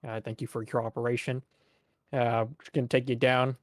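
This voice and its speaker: A man performs a tight-lipped military captain for a tabletop game. He talks in a clipped, folksy way, brisk but cordial with his men, in a dry close recording. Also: medium pitch, little pitch movement, no room sound, close to an everyday voice.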